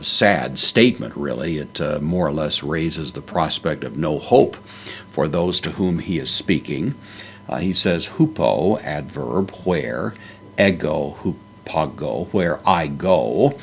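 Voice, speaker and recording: A man's voice: low-pitched, husky. A man teaching a Bible lesson, working through a Greek verse word by word in a methodical way with frequent fillers.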